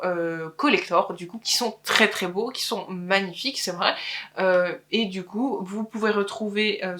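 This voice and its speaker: A woman's voice: medium pitch, fairly bright tone. A woman co-hosting a book channel, chatting casually about book editions, rambling with many fillers and self-corrections.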